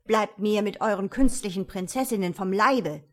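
A woman's voice: medium pitch, moderate pace, close to an everyday voice. A woman reading a sulky young prince. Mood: indignant. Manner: sulky, dramatic outbursts. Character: young reluctant prince, a dreamy boy king.

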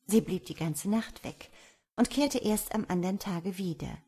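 A woman narrating a fairy tale in a calm, measured storybook reading. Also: mid-range voice, slightly rough.

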